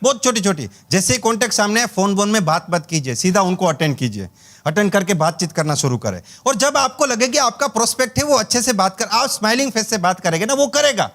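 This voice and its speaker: A man's voice: high-pitched, big pitch swings, fast talker, a bit bright. A man leads a network marketing training session. He tells stories, acts out the dialogue, and chuckles through a light, humorous talk. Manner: storytelling with acted-out dialogue and chuckles.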